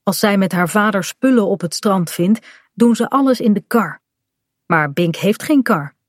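A woman reading a children's story aloud, gentle and clear. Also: medium pitch, moderate pace, dry recording, studio quality.

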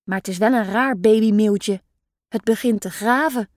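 A woman reading a children's story aloud in a lively, expressive way. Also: mid-range voice, moderate pace, dry recording. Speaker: storybook reader.

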